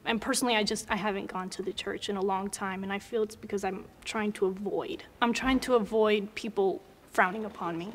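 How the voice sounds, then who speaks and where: A woman's voice: medium pitch, fairly even intonation, brisk, few pauses. A young woman in a focus group, speaking frankly about her own experience. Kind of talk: candid group discussion. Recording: hall reverb, faint room noise.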